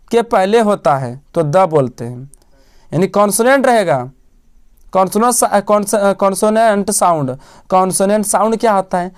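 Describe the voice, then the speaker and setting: Smooth-voiced male tutor drilling grammar. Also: sits high. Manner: asks questions and answers them himself, repeating key words. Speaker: teacher. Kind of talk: classroom-style grammar lesson.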